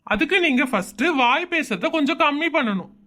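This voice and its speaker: Woman doing a blunt male doctor, mocking advice, rather high voice. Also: animated, a little fast, sharp tone.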